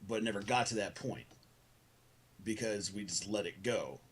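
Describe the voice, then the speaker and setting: In a heated group voice call, a man with a lowish, slightly breathy voice argues bluntly at a moderate pace. The conversation is casual and argumentative, and he swears plenty.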